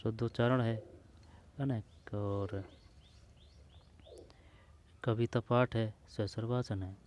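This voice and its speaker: A man's voice: on the low side, fairly even intonation, slow pace, a little mellow, a little hiss or hum. A man working through old exam questions aloud, speaking informally to the listener and repeating the answer options as he checks them. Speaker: exam prep teacher.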